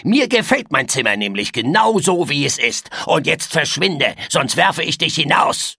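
Storybook creature, male, loud and bossy, pitched up and husky, read by a man. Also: wildly swooping pitch, a little slow, no room sound, clean studio sound, full character voice. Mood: ranting. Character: boisterous angry little male creature.

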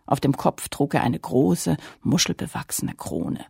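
A woman reading a children's story aloud with lively, playful narration. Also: low voice, unhurried, gravelly, husky, no echo, clean studio sound.

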